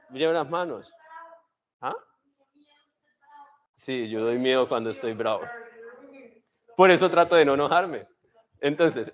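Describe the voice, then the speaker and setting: Guy teaching a class, kinda high voice, lively, muffled lo-fi sound. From Colombia. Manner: animated, demonstrative, addresses students directly. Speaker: university lecturer. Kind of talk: classroom lecture with guided breathing exercise. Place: classroom, mixed in-person and online. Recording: dull lo-fi classroom recording.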